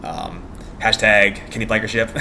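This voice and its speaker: A man's voice: on the low side, moderate pace, creaky, pushed and bright, slight background noise. A young American man chatting casually in a vlog, rambling in a meandering, giggly way and often trailing off mid-thought. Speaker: vlogger.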